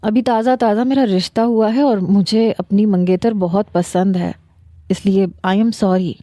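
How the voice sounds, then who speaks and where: A courteous, faltering young man, as a woman narrator puts him on in a storybook novel. His voice is very warm and mellow. The recording is dry and close. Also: medium pitch, steady tone, dry recording, natural voice. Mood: firm. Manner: polite, hesitant. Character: young man, polite, newly engaged fiancé.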